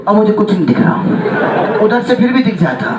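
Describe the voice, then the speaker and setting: A male teacher telling a funny story to his class, animated and chuckling, often checking that students follow. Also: high voice, brisk, heavy background noise. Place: large classroom or hall with students. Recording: echoey hall from far off with loud crowd. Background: students laughing and chiming in.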